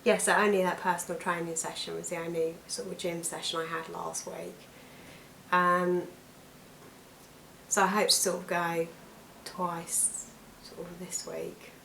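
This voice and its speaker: Croaky British woman, lowish voice. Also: flat delivery, measured pace, fairly bright tone. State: croaky voice from allergies. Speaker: weight loss vlogger. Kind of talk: casual chat to camera. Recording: echoey room with background noise.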